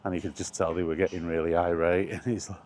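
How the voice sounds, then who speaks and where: A deep-voiced British man talks fast in a level, slightly mellow tone over slight background noise. Like a solo vlogger, he rambles casually and wryly about gaming in colloquial language.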